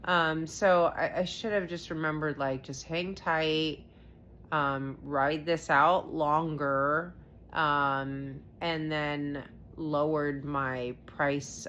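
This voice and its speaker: Low-voiced woman rambling about trading. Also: fairly bright tone, slight background noise. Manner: rambling, with many fillers and restarts; acts out her own past reactions in quotes. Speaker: stay-at-home mom sharing her stock trades. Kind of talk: casual rambling vlog chat.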